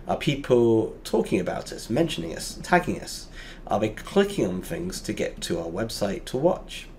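A man teaching a lesson over a whiteboard drawing, explaining step by step and pausing often with fillers. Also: on the low side, a little hiss or hum.

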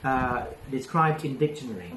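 A man's voice: medium pitch, lively intonation, very slow. A man from Thailand teaching English pronunciation one-on-one, patiently repeating words and correcting his student, with many hesitations when he speaks English. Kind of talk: one-on-one tutoring lesson. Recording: echoey room with loud background noise.

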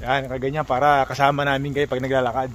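A man's voice: mid-range voice, little pitch movement, fast talker, a bit bright, a little hiss or hum. A man talking casually to his viewers while walking outdoors by a lake, exclaiming often at the sights. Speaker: vlogger.

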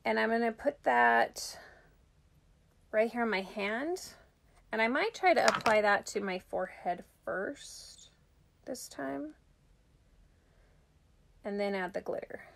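A woman's voice: fairly high pitch, lively intonation, slow pace, gravelly, long pauses, a bit bright. A middle-aged woman doing a casual live makeup tutorial, chatting with her viewers as she works. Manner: chatty, talks to viewers while working. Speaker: makeup vlogger.

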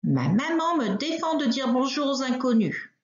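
A woman voicing a small, frightened young male rabbit in a storybook reading, pleading and high. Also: sing-song, normal speed. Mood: upset. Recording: roomy, slightly dull recording.

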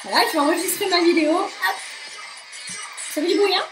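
A woman's voice: extremely high pitch, fast. A woman in her thirties with a French accent chatting playfully to viewers as a vlog host, often breaking into stifled giggles. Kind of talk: playful casual chat to viewers. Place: small room at home, indoors. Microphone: camera a short distance away. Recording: echoey room with loud music.

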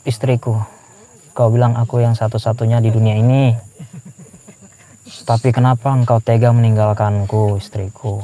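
A man's voice: medium pitch, little pitch movement, moderate pace, pauses often, mellow, natural voice. A man voicing a newly dead man in his grave, pleading and wailing for help and forgiveness, recorded from inside a covered grave. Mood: mournful.

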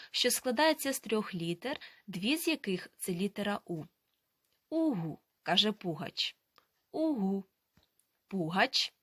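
A woman teaching a language lesson, slowly and carefully modelling pronunciation and drilling words. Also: medium pitch, dry recording, studio quality.

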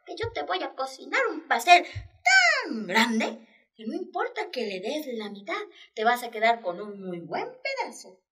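A woman's voice: high-pitched, sing-song, slow pace, hardly any pauses, sharp tone, exaggerated voice. A woman voicing a doting mother hen from a children's story, tender and reassuring, with clucking sounds. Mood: soothing. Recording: voice picked up from a distance.

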